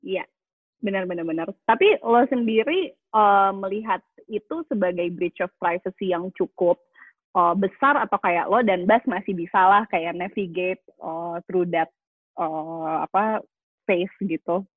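A woman's voice: on the low side, a little slow, no echo. A woman hosting a casual podcast interview, often agreeing, with hesitant fillers and English phrases mixed in. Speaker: podcast host. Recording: dry tinny phone-like line.

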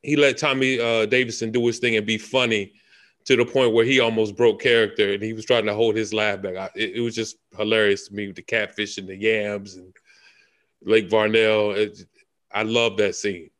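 A man's voice: fairly low pitch, flat delivery, moderate pace, a bit bright. A man co-hosting a podcast, speaking casually with frequent hesitations and filler sounds. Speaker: podcast co-host. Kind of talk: casual chat.

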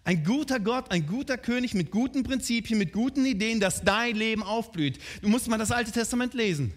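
A man's voice: extremely high pitch, expressive, fairly quick. A man preaching a sermon in a conversational way, often asking his listeners direct questions.

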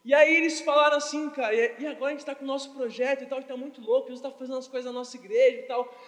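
A young man preaches to a youth crowd in a loose, slangy, conversational way, often asking the room questions. His voice sits very high for a man. The mic picks him up in a church hall with a long reverb tail. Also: steady tone, rapid-fire, a bit bright. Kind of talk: casual youth sermon. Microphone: handheld or stand mic.

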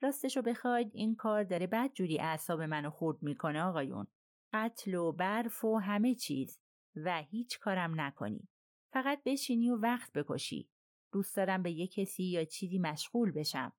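A woman's voice: lowish voice, animated, no echo, studio quality, close to an everyday voice. A woman reading the part of a restless, impatient middle-aged businessman in an audiobook, speaking bluntly and fidgety.

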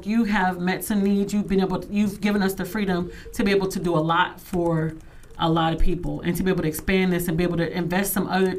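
Brief: woman, talk show host, emphatic and animated, near a studio mic. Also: fairly low pitch. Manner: emphatic and animated, says she sounds aggressive. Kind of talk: casual talk show chat. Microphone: studio microphone.

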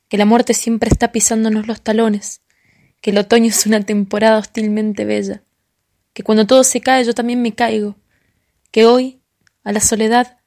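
A woman reciting a poem in an even, contemplative way. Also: medium pitch. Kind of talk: poetry reading.

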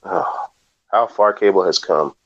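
Podcast co-host, male, low voice, deadpan joker, muffled lo-fi sound. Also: a little slow. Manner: joking, deadpan asides. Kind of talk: casual chat.

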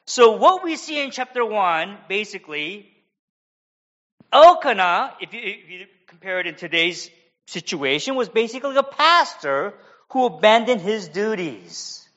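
A high-pitched man delivers an expository sermon in an American accent, moving from careful explanation into relaxed, chatty asides. The recording is muffled and lo-fi. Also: slow. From United States. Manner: expository preaching, conversational asides. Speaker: pastor.

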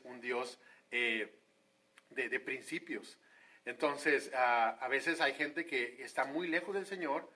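A man's voice: medium pitch, sharp tone. A man from Monterrey, Mexico, preaching a sermon in a conversational way, with frequent hesitations.

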